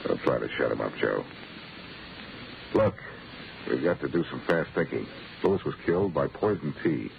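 An actor playing a wry, assertive amateur sleuth in a 1940s radio drama. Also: male voice, very deep voice, very animated, moderate pace, gravelly, long pauses, heavily acted. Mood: pressing, confident. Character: brisk, wisecracking adult male amateur sleuth. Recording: muffled old radio recording, hiss.

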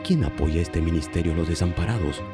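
A man announcing and narrating a religious radio program in a solemn, measured way. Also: low-pitched, over music.

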